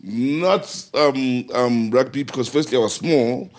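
A South African man on a sports panel talks over his upbringing in an easy, reflective way. His voice sits at an ordinary middle pitch. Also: a little slow. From Free State, South Africa. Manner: reflective storytelling. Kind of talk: casual panel discussion.

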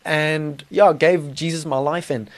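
South African man, slightly high-voiced, earnest storyteller. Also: fairly even intonation, measured pace. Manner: informal, earnest storytelling with colloquial slang. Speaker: podcast guest telling his testimony. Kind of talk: conversational personal testimony. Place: small studio.

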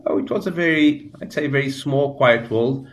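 A Portuguese man in his sixties, speaking with a Portuguese accent and a medium-pitched voice, appears as a guest on a radio interview. He tells reflective stories haltingly, with many fillers and restarts.

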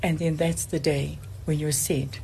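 A middle-aged woman giving casual testimony in measured, hesitant phrases. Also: deep voice, flat delivery, warm tone. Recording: clear background noise.

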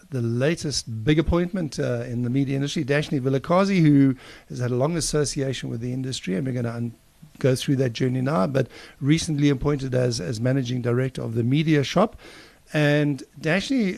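Jovial man in his sixties, gravelly. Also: mid-range voice, fairly quick, no echo. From South Africa. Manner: jovial, energetic presenter. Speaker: podcast co-host. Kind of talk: casual podcast chat.

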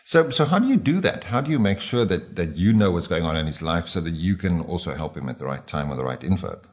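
Casting: South African male radio host, lowish voice, chatty interview style. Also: expressive, quick pace.

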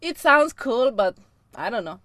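Giggly Iranian woman speaking halting English. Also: fairly high pitch, sing-song, fairly bright tone, no echo. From Iran. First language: Persian. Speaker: guest. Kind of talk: casual chat.

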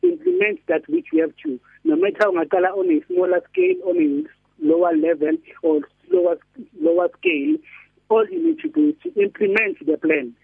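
A man's voice: very high voice, sing-song, normal speed, vocal fry, no room sound. A man with a South African Zulu accent giving a motivational radio sermon as a pastor, teaching point by point over a narrow phone line. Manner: didactic, enumerating points.

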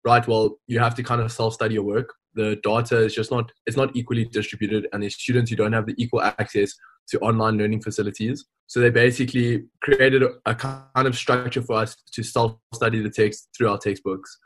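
A man's voice: mid-range voice, little pitch movement, fairly quick, slightly rough. A man in his early twenties, a student founder explaining his project earnestly in a podcast interview. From South Africa. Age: 20s.

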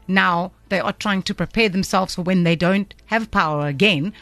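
A woman's voice: lowish voice, normal speed, fairly bright tone, no room sound. A South African woman co-hosting radio, giving emphatic opinions casually and switching between two languages. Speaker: radio show co-host.

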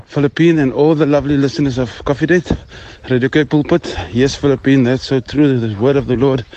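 A man's voice: medium pitch, steady tone, fairly quick, warm tone, lo-fi sound. A South African man leaving a voice message while out walking, a bit out of breath, greeting and blessing the listeners. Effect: voice message played on air. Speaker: listener sending a voice note. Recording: noisy voice-note recording with clicks.

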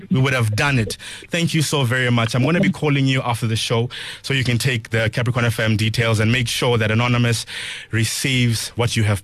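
With music running beneath his voice, a South African DJ presents a morning radio program, making earnest, emphatic appeals to listeners and repeating phrases for effect. His voice is medium-pitched and there's no echo.

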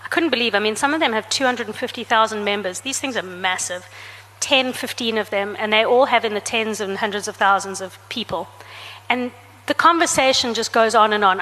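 A woman author reading from her comic novel to an audience, changing her voice for each character's lines. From South Africa. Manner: reads dialogue with shifts in pitch and loudness for each character. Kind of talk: book talk with a reading. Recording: reverberant hall.

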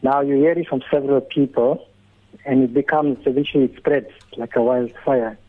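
Husky man over the phone. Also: medium pitch, steady tone, moderate pace. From South Africa. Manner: hesitant, searching for words. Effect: heard over the phone. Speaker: caller. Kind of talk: radio call-in question. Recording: narrow phone-line sound.

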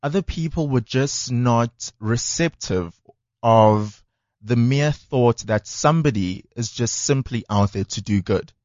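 A South African man co-hosting a radio show, telling a story in a casual, animated way. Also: mid-range voice, a little slow, dry recording, lo-fi sound. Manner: animated storyteller who acts out what others said. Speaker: radio co-host.

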